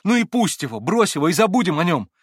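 A man voicing a gentle, compassionate young man in an audiobook, earnest and pleading, with a husky voice. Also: high-pitched, sing-song, fast, no room sound, clean studio sound, pitched above the performer's own voice, full character voice.

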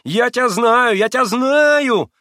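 Man doing a dumb worked-up young clerk hollering, real high and loud. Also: a little fast, no room sound, studio quality. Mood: agitated shouting. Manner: shouting, repetitive, flustered. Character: agitated, dim-witted young male clerk.

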